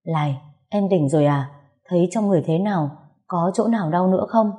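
A woman playing a gentle young husband in an audio story, soothing and lightly teasing. The voice is fairly low and warm. He talks calmly, with a hint of playfulness. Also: a little fast, close to an everyday voice.

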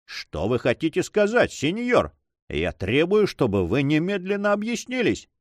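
A man's voice: on the high side, wildly swooping pitch, moderate pace, dry recording, studio quality, pitched above the performer's own voice. A man voicing a proud, hot-tempered nobleman in an audiobook, commanding and threatening. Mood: demanding. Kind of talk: audiobook reading.

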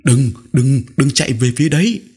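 A man's voice: mid-range voice, expressive, a little slow, darkish tone, husky, pitched above the performer's own voice. A man voicing a frightened young schoolchild who stammers and pleads.

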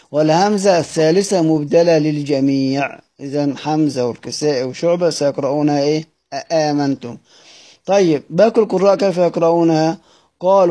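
Mellow Egyptian man teaching slowly. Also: fairly high pitch. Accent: Egyptian Arabic. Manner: patient, repeats words slowly and spells out sounds; asks and answers his own questions. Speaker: teacher of Quranic readings. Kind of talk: explanatory lesson.

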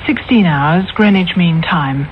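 A woman announcing programmes in a measured, formal broadcast manner, heard like an old newsreel. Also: lowish voice. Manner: measured, crisp announcer delivery. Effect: old newsreel-style vintage broadcast sound. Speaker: radio continuity announcer. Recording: tinny, hissy old radio broadcast.

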